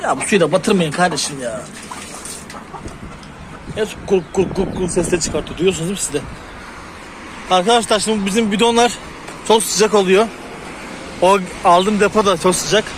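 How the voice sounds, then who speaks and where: A man doing chores in an outdoor chicken yard and chatting casually to his viewers, now and then shouting at the birds to shoo them. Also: high-pitched, normal speed, pauses often. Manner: talks to the chickens and shoos them loudly. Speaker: poultry hobby vlogger. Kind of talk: casual chat to camera while doing farm chores. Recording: noisy outdoor sound with birds.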